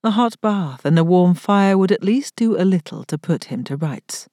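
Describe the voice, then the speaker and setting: A woman reads a historical romance aloud with a fairly low voice. Her pitch swings widely and expressively. The recording is close and dry. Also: expressive, normal speed, warm tone, dry recording. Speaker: audiobook narrator. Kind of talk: scripted narration of a historical romance.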